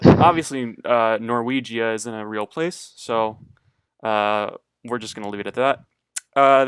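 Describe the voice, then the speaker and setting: A man's voice: medium pitch, fairly bright tone, clean tone, no echo. A young man co-hosting a casual podcast, rambling and hesitant with lots of fillers and swearing. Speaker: podcast co-host.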